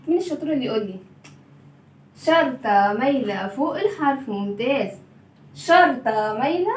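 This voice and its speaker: High-voiced Egyptian teacher for kids. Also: female voice, roomy sound, distant mic, slight background noise. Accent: Egyptian Arabic. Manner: patient, drawn-out sounding of letters with call-and-response questions. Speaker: children's reading teacher. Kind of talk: children's lesson.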